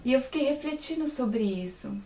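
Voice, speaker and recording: A woman's voice: high voice, lively intonation, normal speed, a little mellow. A young woman with a Brazilian accent giving a personal faith testimony, chatting to her listeners with frequent little asides. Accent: Brazilian Portuguese. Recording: roomy sound, voice from a distance.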